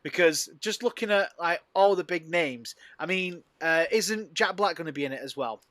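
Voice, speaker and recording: A man's voice: a little high, moderate pace, fairly bright tone, no echo. A man hosting a casual podcast chat, joking, laughing often and trailing off mid-thought. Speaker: podcast host.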